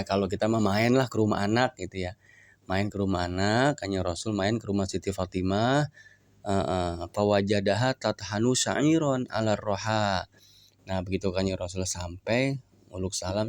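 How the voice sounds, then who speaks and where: Low, mellow Sundanese religious teacher. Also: male voice, no room sound. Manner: folksy, explains in plain talk. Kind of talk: kitab reading lesson. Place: shrine visit.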